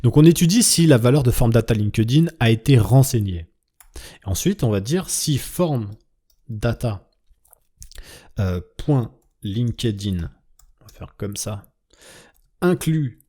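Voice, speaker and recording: A coding instructor with a warm, husky, medium-pitched voice teaches a tutorial over his screen, explaining step by step. He often asks "d'accord?" to check in with the viewer and thinks aloud as he types, trailing off.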